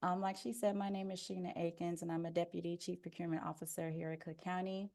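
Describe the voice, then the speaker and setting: A deputy procurement officer presents an informational webinar on a video call, speaking softly through a headphone mic at a quick pace. Her voice is a bit low with a gravelly fry, and her explanation is steady and full of "um" fillers.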